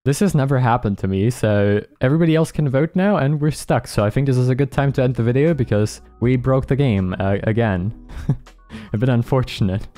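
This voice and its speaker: A man talks through his gameplay in a relaxed, mellow voice, laughing often and poking fun at his own mistakes. He keeps apologizing to the players he beats. Quiet background music plays under his desk-mic commentary. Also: medium pitch, brisk. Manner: laughing, apologetic, self-mocking. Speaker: gaming YouTuber.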